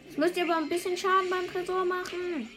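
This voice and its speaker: A woman giving casual gameplay commentary, excitable, often pleading and exclaiming as she plays. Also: very high-pitched, fast talker, low-quality recording. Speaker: gamer. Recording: game music behind the voice.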